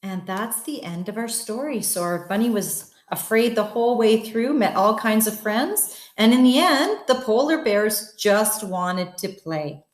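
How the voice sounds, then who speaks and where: A guest reader reads a bedtime story aloud to children in a mid-range voice, keeping a measured pace with hardly any pauses. She's expressive, addresses the kids, and adds wondering questions as asides, in a roomy-sounding space.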